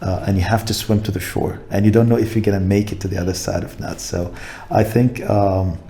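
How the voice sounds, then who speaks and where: A middle-aged man from Jordan, a coffee importer, is a guest in a casual interview, speaking thoughtfully with many fillers and laughing easily. His voice is on the low side, steady, a little fast, creaky and warm.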